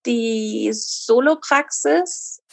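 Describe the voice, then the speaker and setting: A woman answers interview questions in a calm, articulate way and lays out her points in order. Her voice sits slightly high. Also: extremely slow, vocal fry. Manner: calm, articulate, structured explanations. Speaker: guest, acro yoga teacher.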